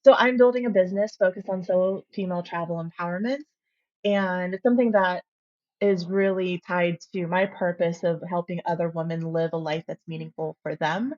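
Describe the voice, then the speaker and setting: A woman from the Philippines answering interview questions in a relaxed, reflective way. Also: lowish voice, brisk. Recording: dull, lo-fi interview recording.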